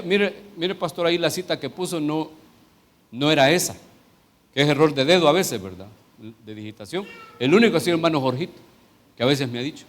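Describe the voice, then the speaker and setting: A middle-aged man with a Salvadoran Spanish accent, a pastor teaching a sermon in a conversational way that turns into fervent prayer. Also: a little high.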